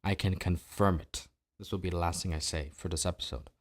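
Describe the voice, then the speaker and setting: A man's voice: low-pitched, fairly even intonation, a little fast. A man from New Jersey hosting a solo political commentary podcast, talking in a sarcastic, opinionated way with rhetorical questions. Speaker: podcast host.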